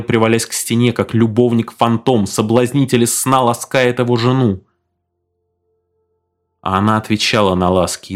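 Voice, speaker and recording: Hushed, low-voiced male audiobook narrator.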